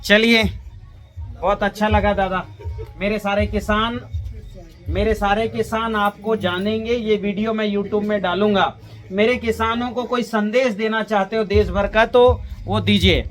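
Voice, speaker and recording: A male vlog host talks casually. His pitch is high for a man, and faint music runs behind him. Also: fairly even intonation, a little slow, a bit bright. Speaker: video host interviewing his grandfather. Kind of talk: casual vlog presenting and interviewing.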